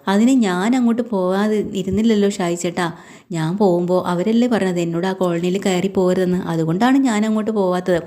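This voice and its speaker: A woman voicing a gentle young woman who works as a household maid, speaking earnestly and pleadingly in a mellow voice. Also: mid-range voice, brisk, lightly acted.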